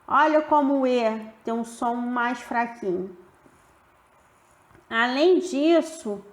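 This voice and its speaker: A woman teacher giving a grammar lesson, slowly stretching out the example words as she explains. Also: on the high side, echoey room.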